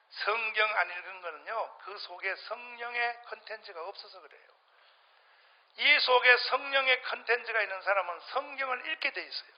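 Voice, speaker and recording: Fiery high-voiced preacher, shouting. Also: male voice. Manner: fiery, swings from shouting to low muttering. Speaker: pastor. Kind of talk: sermon. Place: church before a congregation. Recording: dull lo-fi sermon recording.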